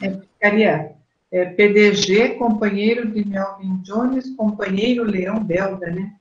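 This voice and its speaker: A woman's voice: mid-range voice, steady tone, a little slow, darkish tone. A woman moderates the question session, politely acknowledging the answers and inviting more questions. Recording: roomy, dull lo-fi sound.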